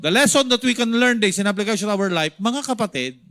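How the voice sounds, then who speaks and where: High, bright-voiced Filipino pastor preaching. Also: male voice, brisk. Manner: animated, acts out shouts of the crowd; mixes English lines into Tagalog teaching. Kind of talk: Sunday school sermon.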